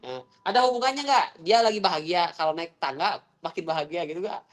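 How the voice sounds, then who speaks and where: A woman's voice: lowish voice, fairly quick. A woman teaching a Quran recitation class, asking students questions again and again. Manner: questioning, repeats prompts to students. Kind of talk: online tajwid class.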